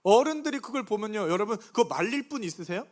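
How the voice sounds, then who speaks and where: A man's voice: high-pitched, animated, fast. A middle-aged man, a pastor, preaching a Sunday sermon in a chatty way and putting questions to the congregation. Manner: conversational, asks the congregation questions. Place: church sanctuary.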